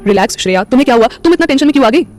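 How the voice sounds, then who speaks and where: A playful, joking young man who teases his friends and fusses over his partner, as a woman narrator puts him on. He talks very fast in this romantic audio story, with faint music behind him. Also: sits high, animated, darkish tone, pitched above the performer's own voice. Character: young man, teasing, caring boyfriend.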